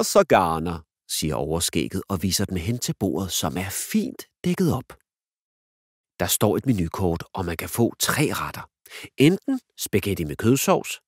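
A man narrates a children's storybook with a clear, animated delivery. His voice is lowish but swings up and down a lot. The room is dry and close. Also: no echo. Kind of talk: storybook reading.

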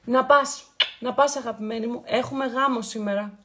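A woman's voice: fairly high pitch, steady tone, sharp tone. A woman hosting a casual live skincare stream. She talks in a chatty, affectionate way, greets viewers by name and playfully repeats words for emphasis. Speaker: beauty livestream host.

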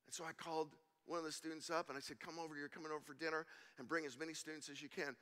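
A middle-aged male pastor telling a story in a sermon, animated and acting out the voices of the people in it. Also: a little high, rapid-fire. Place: church sanctuary. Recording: reverberant church hall.

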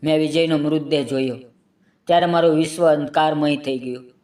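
Higher-voiced man narrating an emotional story. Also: fairly even intonation, a little fast, a little mellow, far from the mic. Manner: earnest, dramatic first-person storytelling.

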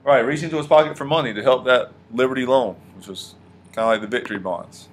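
A man's voice: mid-range voice, fast talker, a little hiss or hum. A man teaching history to a class, questioning the students and echoing their answers. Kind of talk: classroom lesson.

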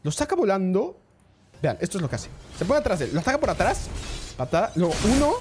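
Male gaming streamer, excitable and chatty, with a very animated, swinging pitch over faint background music. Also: fast. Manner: excitable, chatty, greets the chat often. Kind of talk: live-streamed gameplay commentary.

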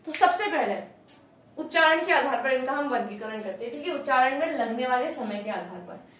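A woman's voice: high-pitched, lively intonation, a little fast, fairly bright tone. A woman teaching a grammar lesson, repeating each point and asking questions she answers herself. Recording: echoey room, mic far off, faint noise.

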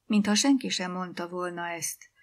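A woman reading a literary short story aloud in a calm, measured narrating voice. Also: lowish voice.

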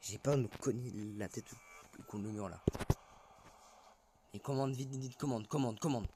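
A young man giving jittery, excitable commentary while playing a horror game, swearing when startled. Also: medium pitch, moderate pace, noisy background. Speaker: gaming YouTuber. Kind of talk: live gameplay commentary.

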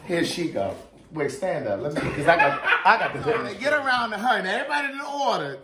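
An American vlogger in his forties tells a story to family in an open dining room at home, casual and dramatic, exuberant and often laughing. His voice is high-pitched, expressive and fairly quick, echoing in the room over a noisy crowd.

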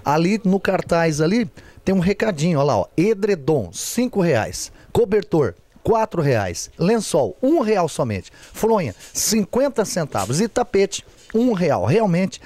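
A man's voice: fairly high pitch, darkish tone. Chatty Brazilian male field reporter. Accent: Brazilian Portuguese. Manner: chatty, keeps pointing things out with "olha aqui" and "né". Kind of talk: local TV news report. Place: large indoor charity bazaar hall. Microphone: handheld reporter mic.

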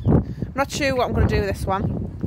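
A woman's voice: mid-range voice, a little fast. A middle-aged woman, chatting casually as she films a walking tour of her allotment garden. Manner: chatty, points things out as she walks. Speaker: vlogger. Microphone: handheld phone camera. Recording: loud wind and outdoor noise.

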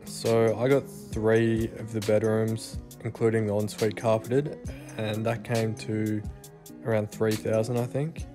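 A young Australian man giving a relaxed, self-deprecating voice-over walkthrough of his renovated house. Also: fairly low pitch, unhurried. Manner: laid-back, self-deprecating. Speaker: home renovation vlogger. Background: soft guitar music.

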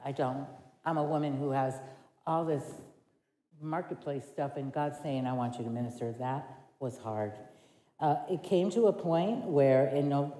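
A middle-aged woman with a low voice tells her story from the front of a church, candid and quick to laugh as she acts out old conversations. Her voice rings through a roomy sanctuary and trails off in long reverb. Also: dark tone. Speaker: women's ministry director. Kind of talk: testimony sermon. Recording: echoey church hall.

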